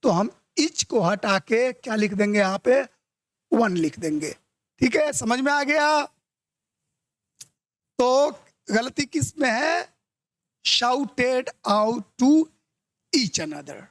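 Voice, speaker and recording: A male English teacher giving an exam-prep grammar lesson. He reads the test sentences out slowly, explains them quickly, and keeps checking that his students follow. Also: very high voice, no echo.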